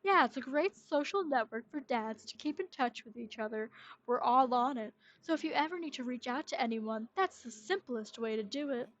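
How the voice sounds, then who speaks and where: A woman's voice: high voice, lively intonation, moderate pace, no echo. A woman voicing a friendly suburban neighbor dad in a game, reading his lines in a chummy, upbeat way. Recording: dull lo-fi sound.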